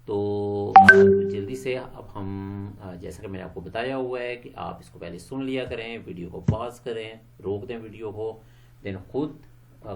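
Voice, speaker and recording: A man teaching English phrases to Quran teachers, quick in his explanations and slow and clear when he models a phrase. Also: sits low, a little mellow, slight background noise.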